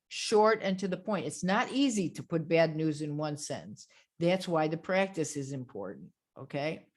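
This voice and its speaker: A woman grief counselor giving a webinar lecture. She speaks directly, repeats her key phrases and often closes a point with "okay?". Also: fairly low pitch.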